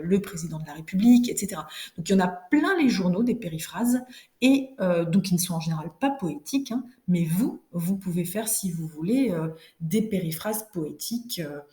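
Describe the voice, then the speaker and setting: A woman teaching a recorded class lesson in a low-pitched, mellow voice. She explains each point step by step and keeps checking in with her pupils. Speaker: French teacher.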